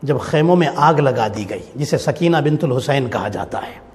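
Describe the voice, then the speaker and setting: A man's voice: medium pitch, animated, in a large hall, slight background noise. A man preacher delivering an impassioned mourning sermon that builds into chanted lament.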